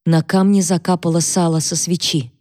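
Low, mellow woman reading a novel. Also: fairly even intonation, moderate pace, no room sound, clean studio sound. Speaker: audiobook narrator. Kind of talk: scripted narration.

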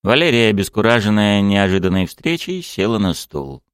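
Low-voiced, expressive male audiobook narrator. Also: normal speed, smooth, no echo, studio quality. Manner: expressive, storytelling.

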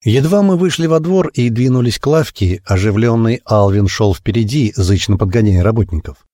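Deep husky man narrating an audiobook. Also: animated, normal speed, dark tone, dry recording. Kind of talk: first-person audiobook narration.

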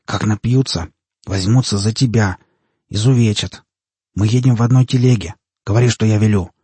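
A man's voice: on the low side, normal speed, warm tone, husky, dry recording. A man doing a hissing, scheming captive. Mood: urgent hiss. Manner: hissed, barely moving lips, urgent. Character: cold scheming male prisoner, hissing.

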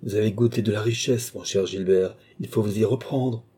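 A man's voice: on the low side, moderate pace, mellow, breathy edge. A man voicing a suspicious, acrimonious philosopher in a storybook reading. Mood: bitter. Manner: sour, acrimonious. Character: bitter, suspicious aging philosopher.

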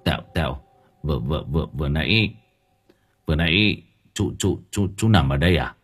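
A man's voice: rumbling low, expressive, a little fast, faint music behind, voice pushed down. A man voicing a feverish, dazed young man who talks weakly and stammers. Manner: weak, faltering, stammering.

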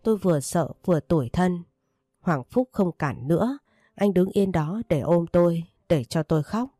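A woman reading a first-person romance story aloud, voicing the dialogue in her own steady narrating voice. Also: lowish voice, normal speed, dry recording, studio quality.

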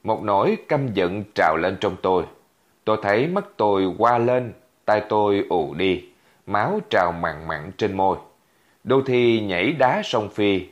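A man narrating a first-person story in a vivid, dramatic way. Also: fairly low pitch. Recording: dull lo-fi recording.

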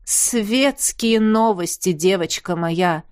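A woman's voice: medium pitch, moderate pace, no room sound, studio quality, close to an everyday voice. A woman reading the part of a worried, gloomy male colleague in an audiobook, with a groaning, blunt delivery.

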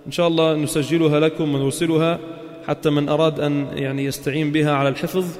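A man with a Levantine Arabic accent teaching a class on Quran recitation rules, chanting verses slowly and then explaining briskly with questions to his students. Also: a little high, level tone, darkish tone. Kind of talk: religious lesson to a class. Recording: long hall reverb.

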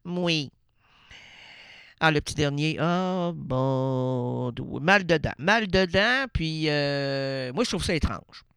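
A man's voice: fairly high pitch, slow pace, a bit bright, smooth, no room sound. A man with a Québécois accent hosting an absurd improvised radio monologue, rambling playfully and laughing at his own jokes into a studio microphone. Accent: Québécois French. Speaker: radio host.

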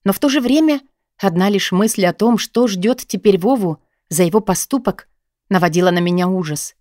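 A woman's voice: mid-range voice, normal speed, warm tone, no room sound, studio quality. A woman reading a novel aloud in first person, emotional and pleading in the heroine's dialogue. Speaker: audiobook narrator. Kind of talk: scripted first-person narration.

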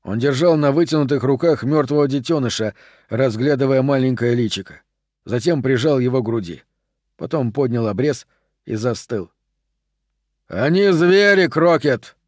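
A man narrating an audiobook thriller in a measured, even reading. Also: mid-range voice, no echo, clean studio sound.

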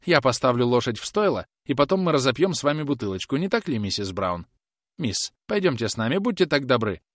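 A man's voice: mid-range voice, very animated, fairly quick, no room sound, studio quality, voice pushed up. A man reading an audiobook, voicing a frightened young male errand lad with a whining, pleading manner. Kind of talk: audiobook character voice.

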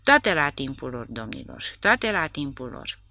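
Woman doing a frosty stuck-up madam, cool polite tone, lively swoops, dry sound. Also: extremely low pitch, no echo, full character voice. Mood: coolly polite. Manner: coolly polite, cold. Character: haughty older brothel madam, icy and composed.

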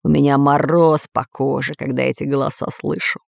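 A woman's voice: rumbling low, little pitch movement, normal speed, gravelly, no echo, studio quality, pitched below the performer's own voice, exaggerated voice. A woman voicing a scheming, bad-tempered villain lord who growls and gloats. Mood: gloating.

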